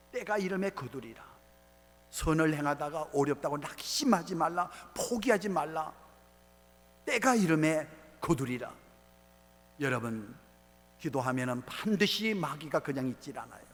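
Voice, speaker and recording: A middle-aged man, a pastor, preaching a sermon in a large church sanctuary, rising to shouts and dropping to quiet asides. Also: medium pitch. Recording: long hall reverb.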